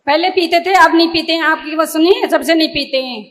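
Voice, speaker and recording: High-voiced woman caller, brief answers. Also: a little fast. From India, Uttar Pradesh. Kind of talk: phone-in consultation.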